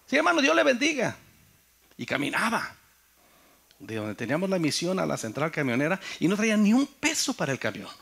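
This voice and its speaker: A middle-aged man with a Mexican accent, a pastor telling his testimony in a sermon, swinging between loud and hushed. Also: on the high side, very animated, a little fast, gravelly, slightly rough. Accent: Mexican Spanish.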